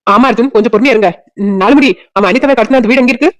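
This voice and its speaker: A woman voicing a calm, resourceful young village woman with a Kanyakumari Tamil accent, speaking in a steady, reassuring way and taking charge. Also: a little high, racing, voice pushed down, natural voice.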